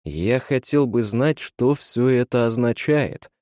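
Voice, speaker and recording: A man playing a bewildered, proud young gentleman, who speaks in a measured, ironic way in a read-aloud story. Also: medium pitch, no room sound, clean studio sound, natural voice. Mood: tense.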